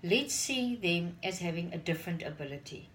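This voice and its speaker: With a lowish, fairly bright voice and lively intonation, this parent vlogger talks at a moderate pace. She is a woman in her forties whose first language is Afrikaans, addressing a phone camera on her kitchen counter earnestly between chores and repeating words as she searches for them. Slight background noise is present.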